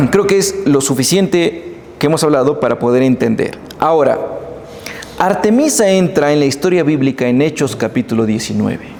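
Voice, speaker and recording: Animated high-voiced preacher in echoey hall. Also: male voice, moderate pace, a little hiss or hum. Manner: animated storytelling, addresses congregation directly. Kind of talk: sermon. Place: church hall.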